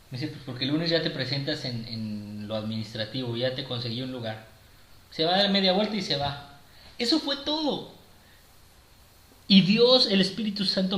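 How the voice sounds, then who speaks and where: Man, preacher giving a testimony sermon, halting delivery with many restarts, slightly high voice. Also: fairly bright tone. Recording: echoey room with faint ambience.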